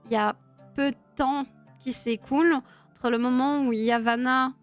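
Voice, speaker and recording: Woman live-streamer, fairly high voice, casual chat, frequent laughter, faint music behind. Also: fairly even intonation, a little slow. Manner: chatty, laughs often, many fillers and restarts. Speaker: streamer hosting a live about Tolkien.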